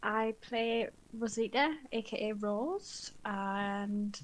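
Slow, blunt woman player. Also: mid-range voice, poor audio. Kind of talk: casual chat.

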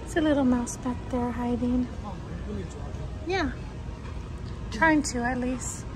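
A woman with a high voice chats casually into a phone held at arm's length as she browses a pet store. Steady store noise sits clearly behind her, and she talks to the camera in a light, giggly way. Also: takes it slowly. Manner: chatty, giggly, talking to camera. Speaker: vlogger. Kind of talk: casual vlog chat.

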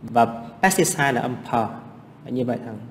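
A man's voice: mid-range voice, animated, normal speed, big-room sound, a little hiss or hum. A man teaching English exam practice, explaining answers step by step and asking rhetorical questions.

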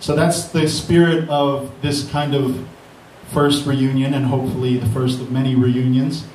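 The echoey, far-off hall mic catches a little hiss or hum as a male beat producer addresses the audience at a live event. His medium-pitched voice is flat, a little slow and a little mellow, and his speech rambles, grateful and self-deprecating.

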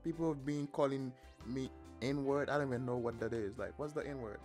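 A man's voice: medium pitch, normal speed, a little mellow, soft background music. A man streaming random video chats, bantering and joking with strangers on a computer mic. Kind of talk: casual chat.

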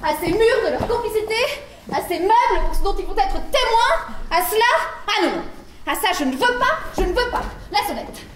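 An actress playing an outraged, betrayed young wife who talks in a theatrical, overwrought way. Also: female voice, very high-pitched, lively intonation, brisk, a little hiss or hum. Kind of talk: stage play acting. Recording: echoey theater stage recording.

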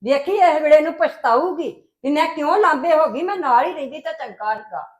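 A woman playing an older grandmother who grumbles and complains with a sharp tongue, in an amateur family drama. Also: sits high, animated, fairly quick. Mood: grumbling. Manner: scolding, gossipy complaint.

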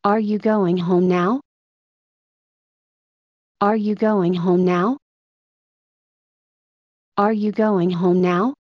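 A woman's voice: medium pitch, fairly even intonation, very slow, long pauses, no echo, muffled recording. A woman reading short English practice sentences aloud, each one repeated in a plain, evenly paced model delivery. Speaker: English phrase reader. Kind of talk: slow repeated phrase drills.

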